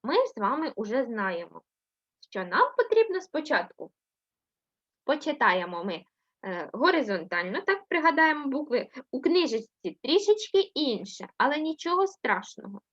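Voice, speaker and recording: Brief: Ukrainian woman, first-grade teacher, high and animated, sing-song syllable drills, muffled lo-fi recording. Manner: slow, sing-song syllable-by-syllable reading with frequent "так?" checks; affectionate praise of pupils. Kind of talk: remote reading lesson for young children.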